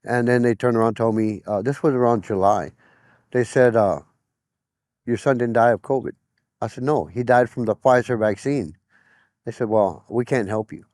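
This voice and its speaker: A man's voice: medium pitch, normal speed, a little mellow, no echo. Plain-spoken middle-aged man, dry close sound. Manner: plain-spoken, retells conversations as quoted dialogue. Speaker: interviewee. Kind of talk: personal testimony in an interview.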